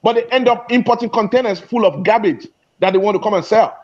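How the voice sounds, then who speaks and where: High-voiced man arguing heatedly. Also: fast talker, lo-fi sound. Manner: passionate, repeats and restarts phrases. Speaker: guest speaker in an online discussion. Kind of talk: heated debate.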